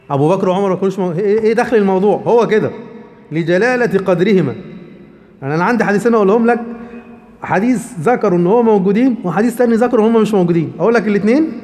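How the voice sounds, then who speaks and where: Fast-talking Egyptian man teaching in a hall. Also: high-pitched, warm tone. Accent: Egyptian Arabic. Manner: keeps checking the listener with rhetorical questions. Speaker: religious teacher. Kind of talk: explaining hadith to a class.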